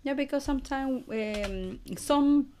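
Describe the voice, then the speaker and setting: Curious Chilean woman, slightly high voice. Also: slow, a little mellow, slight background noise. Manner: curious, asks many questions in non-native English. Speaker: podcast co-host. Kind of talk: casual album commentary.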